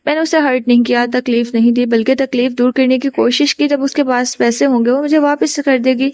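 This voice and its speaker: A proud, bitter grown man defends himself with rising indignation, as a woman narrator reads him in her own fairly high voice. The sound is dry and close, with no room around it. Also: fairly even intonation, darkish tone, no room sound, lightly acted. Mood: indignant.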